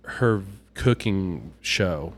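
A young man co-hosts a podcast in a very slow, deep voice with lively intonation. He chats casually and rambles, often slipping into voices when he quotes people.

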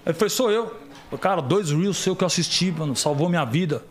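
His voice is a little high and fast as this middle-aged Brazilian podcast guest tells stories in relaxed conversation. Animated throughout, he acts out the quoted words of the people he describes.

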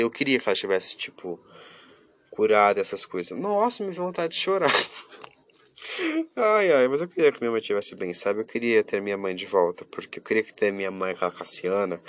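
A young man talking casually and openly to his viewers. He shifts between loud, lively bursts and quiet, subdued stretches. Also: on the low side. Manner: chatty, talks straight to viewers, often breaks off and restarts. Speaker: vlogger. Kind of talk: casual confessional monologue.

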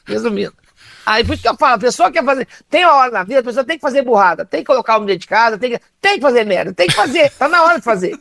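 Brazilian woman, middle aged, gravelly voice, tells funny stories in a dry room, acts out the voices. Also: a little high, racing, no echo. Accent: Brazilian Portuguese. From Minas Gerais, Brazil. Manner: lively, laughs often, acts out dialogue. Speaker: comedian and TV guest. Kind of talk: animated anecdotal storytelling.

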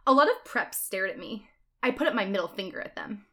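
A woman's voice: medium pitch, animated, fairly quick, sharp tone. A woman reading a fan fiction aloud, narrating in a mock-earnest, dramatic way. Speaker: reader.

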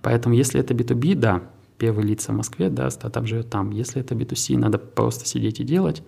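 A man who heads a tech park, answering interview questions in a measured, businesslike way with some restarts. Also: medium pitch, gravelly, dark tone, slightly rough.

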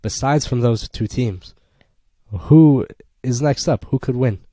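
A man's voice: medium pitch, slow pace, warm tone, no echo. A young man co-hosting a casual football podcast, opinionated and sarcastic as he argues his picks. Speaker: podcast co-host.

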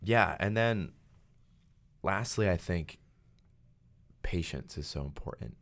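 Deep creaky-voiced man chatting casually. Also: slow. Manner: relaxed, many fillers, acts out quotes in a raised voice. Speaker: podcast host. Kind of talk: casual faith discussion.

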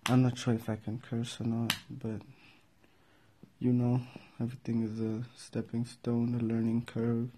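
A man's voice: mid-range voice, completely flat delivery, measured pace, darkish tone, slight background noise. A young man hosting a casual podcast, talking in a laid-back, slangy, rambling way with lots of fillers. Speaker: podcast host.

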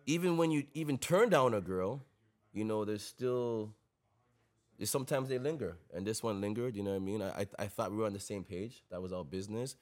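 A man's voice: lowish voice, fairly quick, a little mellow. A young adult man, telling stories casually in street slang and repeating tag phrases. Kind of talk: casual anecdotal chat.

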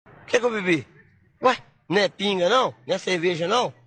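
A man putting on the high, wavering voice of a confused tipsy man. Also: fast talker, bright, forceful tone, husky, dry recording, exaggerated voice.

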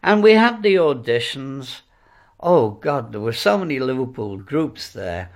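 A man's voice: mid-range voice, sing-song, a little slow. A man with a Welsh accent, a former club owner and band manager, recalling old times in an interview with a dry, wry storytelling manner.

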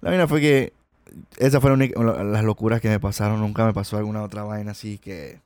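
A man's voice: lowish voice, steady tone, fast talker, darkish tone, no echo. A man with a Colombian accent hosting a podcast, telling casual stories in a rambling, slangy way full of restarts. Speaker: podcast host. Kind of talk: casual storytelling monologue.

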